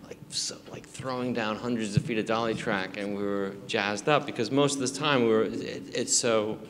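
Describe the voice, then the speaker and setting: A man in his forties with an American accent, answering audience questions at a live screening Q&A, halting and rambling with lots of fillers and restarts. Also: lowish voice, steady tone. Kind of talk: casual live Q&A. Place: large theater in front of an audience. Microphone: handheld mic. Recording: long theater reverb, background noise.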